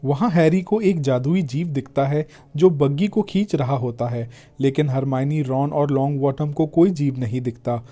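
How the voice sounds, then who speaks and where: A male narrator delivers a scripted retelling in a steady, even manner. His tone is very dark and warm, with an unhurried storyteller's flow. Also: medium pitch, faint music behind. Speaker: film recap narrator.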